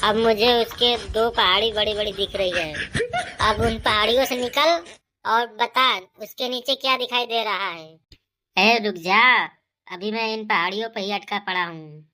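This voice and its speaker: A woman's voice: mid-range voice, pushed and bright. A woman voicing cheeky, bickering village boys in a comic cartoon.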